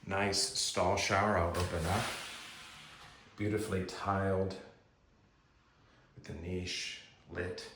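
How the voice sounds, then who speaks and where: A man's voice: low voice, flat delivery, slow pace, long pauses, fairly bright tone. A man speaking as a real estate agent on a walk-through home tour, with polished, appreciative sales talk about each feature. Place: indoors, walking through rooms of a house. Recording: echoey rooms with faint background noise.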